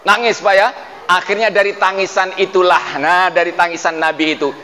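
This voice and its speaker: High-voiced male preacher in an echoey hall. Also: steady tone, pushed and bright, slight background noise. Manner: addresses listeners as Pak, asks them questions, chants Quranic verses slowly. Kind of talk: sermon. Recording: distant mic in a reverberant hall with faint ambience.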